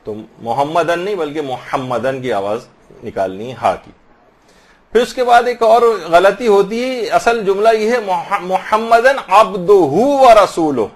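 A man with a somewhat high voice teaches how to recite prayer phrases correctly. He explains in a patient, corrective tone and drawls out each phrase slowly as he demonstrates it. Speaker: religious teacher. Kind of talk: prayer pronunciation lesson.

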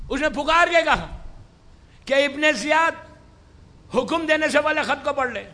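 A man telling a religious story as a preacher in a dramatic sermon. He swings from hushed tones to shouting and mixes English words into his speech. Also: extremely high pitch, slight background noise.

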